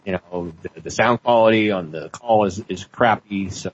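A man chatting casually on a radio show over an internet call, rambling and halting with many restarts, his voice heavily compressed and pumping. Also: lowish voice. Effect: heavily compressed, pumping call audio. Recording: dull, muffled call line with faint noise.

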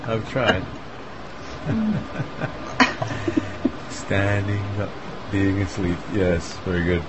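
Speaking very slowly in a deep voice with lively intonation, a man hosts an online group chat. His rambling, loose talk is full of fillers and little laughs, and the call has clear background noise.

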